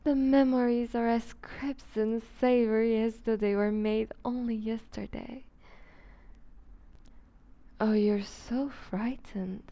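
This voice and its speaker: A centuries-old vampire duchess, played by a woman, purrs slowly in a creaky, breathy voice. She is refined and predatory, condescending and teasing in formal, theatrical phrasing. It is an intimate ASMR roleplay with slightly muffled sound. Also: fairly high pitch, fairly even intonation, warm tone. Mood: hungry, menacing.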